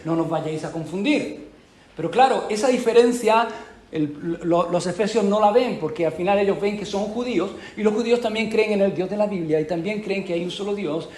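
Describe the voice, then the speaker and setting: A man preaching a sermon in church, animated, with rhetorical questions and emphatic repetition. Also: sits high. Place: church hall. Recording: echoey church hall.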